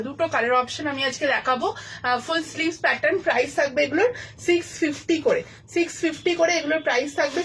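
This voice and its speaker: A woman who owns a boutique, giving a brisk and persuasive sales pitch on a live stream while she has a sore throat. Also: a bit bright, slight background noise. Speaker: boutique owner selling clothes live.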